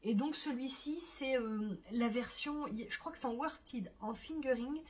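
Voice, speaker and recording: Woman, knitting vlogger, slightly high, husky, chatty and unscripted, filler-heavy. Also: a little slow. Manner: chatty, many fillers, soft asides. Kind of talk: casual chat to camera.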